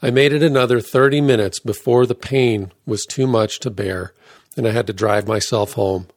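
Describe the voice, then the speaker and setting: A man narrating his own first-person memoir in a measured, deliberate reading voice. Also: medium pitch, dry recording, clean studio sound.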